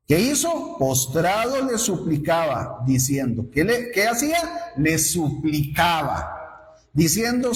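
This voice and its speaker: A male pastor delivers a sermon in a high voice that leaps up and down as he questions his listeners. He speaks slowly and deliberately. The sound rings with the long reverb of a church hall. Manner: rhetorical questions to the congregation, wide swings in pitch.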